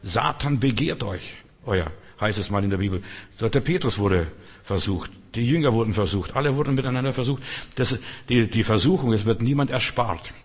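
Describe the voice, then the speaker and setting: A man preaching a sermon in an earnest way, acting out quotes and dropping to soft tones. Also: lowish voice, a little fast, slightly rough. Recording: long reverb in a large hall.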